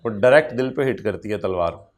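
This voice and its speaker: A man's voice: on the low side, lively intonation, fairly quick. A man lecturing an accountancy class, teasing his students and dropping English terms into his explanation. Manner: code-switches into English terms.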